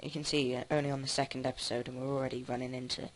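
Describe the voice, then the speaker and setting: A man casually commenting on his own gameplay, thinking aloud with many halting restarts. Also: medium pitch, little pitch movement, a little hiss or hum. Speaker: let's play host.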